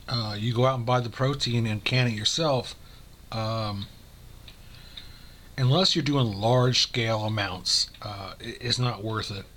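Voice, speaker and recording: Man, casual home vlog, bright tense voice, rambling, chewing between words, faint noise behind. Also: medium pitch. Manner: frank, rambling, eating while talking. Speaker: vlogger. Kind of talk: casual talk to camera. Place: home room.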